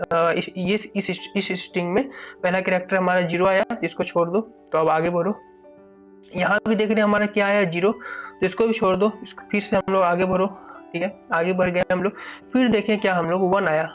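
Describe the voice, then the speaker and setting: A coding tutor with a high-pitched voice walks through a coding problem step by step. He thinks aloud, keeps saying "ठीक है," and often restarts his phrases.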